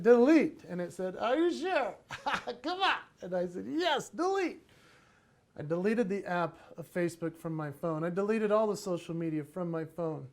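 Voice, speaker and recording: A man delivers a motivational conference talk about parenting. His voice sits high, and he tells his stories in an animated, playful way. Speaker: keynote speaker on parenting.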